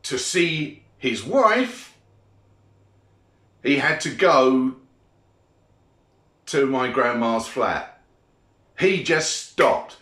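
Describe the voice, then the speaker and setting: A man's voice: medium pitch, expressive, very slow, pauses often, fairly bright tone. A middle-aged British man giving a blunt, sweary opinion monologue in a grumpy old man's grumbling manner. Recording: echoey room.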